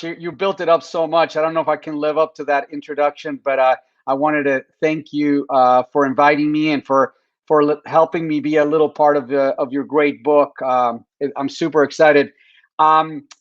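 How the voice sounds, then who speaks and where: A man's voice: a little high, no room sound, dull audio. Mexican-accented male guest, middle-aged, humble storyteller with many restarts, dry close sound. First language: Spanish. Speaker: guest speaker. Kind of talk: casual conversational storytelling.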